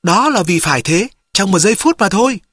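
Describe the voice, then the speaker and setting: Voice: medium pitch, expressive, brisk, a bit bright, slightly rough, dry recording, clean studio sound. A reader voicing a talking male tiger from an audiobook, blunt and proud, answering in curt challenging replies. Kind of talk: audiobook dialogue.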